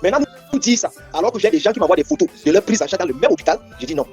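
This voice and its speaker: Man, slightly high voice, very fast, casual chat, faint music. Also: animated, a little mellow. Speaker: co-host.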